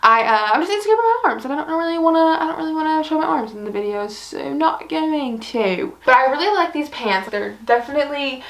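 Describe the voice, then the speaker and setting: Talking quickly with few pauses, this fashion vlogger has a high, expressive, fairly bright voice. The young woman chats casually to camera during a try-on, giggling and bubbly, slightly breathless, with plenty of "like" and "I don't know."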